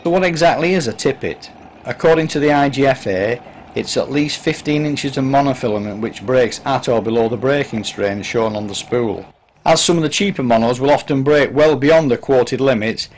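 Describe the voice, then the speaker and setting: A man giving scripted voice-over narration for an angling film, measured and instructive. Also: mid-range voice, rough recording. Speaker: documentary narrator.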